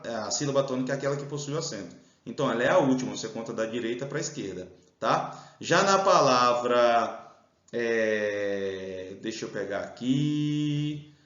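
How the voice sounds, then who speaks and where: A man's voice: mid-range voice, a bit bright. A Brazilian man teaching an exam-prep grammar lesson, explaining step by step and stretching out stressed syllables. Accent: Brazilian Portuguese. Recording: roomy, slightly dull sound.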